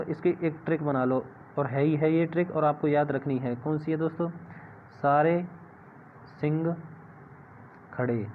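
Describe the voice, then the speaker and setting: A man's voice: on the high side, a little hiss or hum. Man teaching over tinny phone-like audio. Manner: repeats answers as questions to viewers. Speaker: exam-prep teacher. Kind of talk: classroom-style exam lesson.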